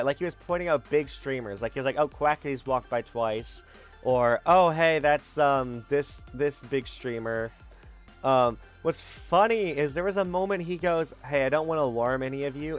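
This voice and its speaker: A young man chats loosely on a livestream, full of ums and restarts. His voice sits in a middle pitch and sounds worn out. Soft background music plays behind him. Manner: rambling, many fillers and self-corrections. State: tired. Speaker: VTuber streamer. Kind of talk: casual stream chat.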